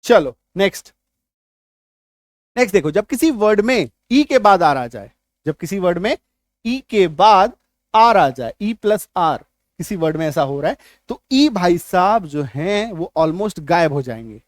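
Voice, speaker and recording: A male teacher giving a spoken lesson, repeating each point and quizzing the listener with quick questions as he drills lists of words. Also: high-pitched, sing-song, dry recording. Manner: drills word lists aloud, one word at a time.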